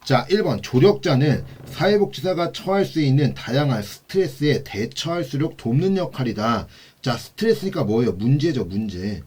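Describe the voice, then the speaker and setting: A man's voice: mid-range voice, very animated, normal speed, hardly any pauses, a little mellow, slightly rough. Man lecturing, repeating key terms. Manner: explains with rhetorical questions and repeated key terms. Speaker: social work exam instructor. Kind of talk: exam prep lecture. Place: classroom.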